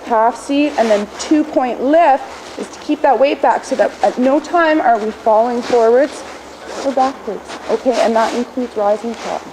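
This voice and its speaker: A woman coaching a horse riding lesson, projecting brisk commands and corrections with short explanations. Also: on the high side. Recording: clearly noisy riding-lesson ambience.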